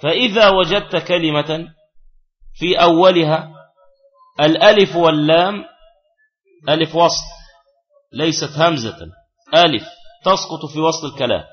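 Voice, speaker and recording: A man's voice: on the high side, moderate pace, pauses often, muffled recording. A man teaching a classical grammar lesson, who repeats key phrases and puts questions to his students.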